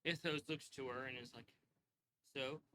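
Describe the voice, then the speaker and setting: A man narrating a tabletop game as game master, relaxed and rambling with frequent fillers. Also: mid-range voice, unhurried, a little hiss or hum, poor audio.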